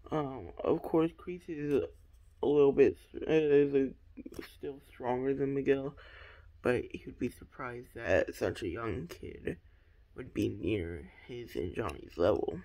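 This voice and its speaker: Gravelly young guy rambling with ums. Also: mid-range voice, slow, warm tone. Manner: hesitant, many ums and restarts. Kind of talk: rambling fan theory talk.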